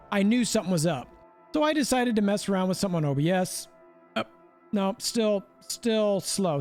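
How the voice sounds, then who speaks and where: A man hosting a gaming channel, giving animated gameplay commentary and repeating himself for emphasis. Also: high-pitched.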